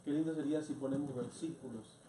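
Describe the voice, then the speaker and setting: Male pastor, earnest sermon, mid pitch, distant roomy hall recording. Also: quick pace. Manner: earnest preaching with rhetorical questions. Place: church hall. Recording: echoey church hall from far off, noisy.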